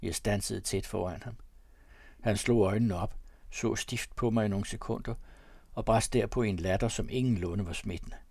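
A man narrating classic fiction in a measured, even storytelling manner. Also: on the low side, vocal fry, husky, dry recording. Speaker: audiobook narrator.

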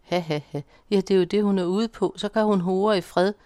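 A woman's voice: mid-range voice, steady tone, mellow, no room sound, clean studio sound, close to an everyday voice. A woman voicing a crude, jealous old man who bellows insults from his sickbed after a stroke. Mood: mocking.

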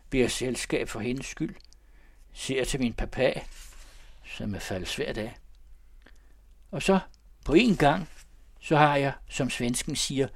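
A man reading the part of a lovesick, restless nobleman who confesses in a low, brooding way. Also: gravelly, husky, no room sound, studio quality.

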